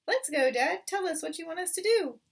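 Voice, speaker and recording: A woman voicing small hungry fox cubs from a storybook, eager, pleading and excitable. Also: very high-pitched, fairly quick, creaky, far from the mic, pitched above the performer's own voice, heavily acted.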